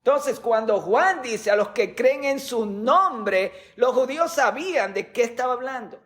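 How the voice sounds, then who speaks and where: A man's voice: very high-pitched, a little slow, a bit bright. A man preaching a sermon as a pastor, teaching with rhetorical questions and sometimes repeating words as he goes.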